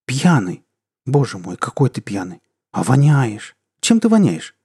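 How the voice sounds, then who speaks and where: A man's voice: huge pitch swings, a little slow, gravelly, warm tone, breathy edge, no room sound, clean studio sound, exaggerated voice. A man voicing a middle-aged wife who shrilly scolds her drunk husband. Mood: alarmed scolding. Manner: shrill exclaiming.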